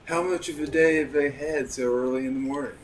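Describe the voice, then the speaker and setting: Man, gameplay co-host, calm, dry, explanatory, mid-pitched, distant mic, faint hiss. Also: a little fast. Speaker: co-host playing the game. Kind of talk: casual gameplay commentary.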